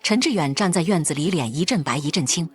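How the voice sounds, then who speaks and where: A woman's voice: sits low, expressive, fast talker, slightly rough. A woman narrating a first-person drama in a cold, blunt and firm way.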